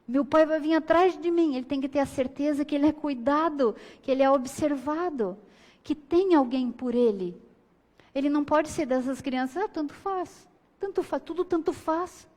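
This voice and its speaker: A woman's voice: sits high, warm tone. A woman giving an earnest spiritist lecture, acting out the voices she quotes. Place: lecture hall. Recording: long hall reverb.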